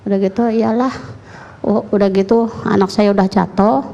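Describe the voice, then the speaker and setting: A woman's voice: medium pitch, fairly even intonation, normal speed, vocal fry, dark tone, muffled recording. A woman, a mother recounting events in an interview in short, plain, run-on clauses. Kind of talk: emotional first-person account.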